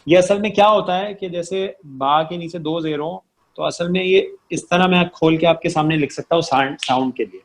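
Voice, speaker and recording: A man with a slightly higher than average voice leads an online recitation lesson. He explains patiently and drills each letter sound by repeating it several times. He keeps stopping to check that his students understand. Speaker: Arabic and Quran recitation teacher. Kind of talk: online class lecture.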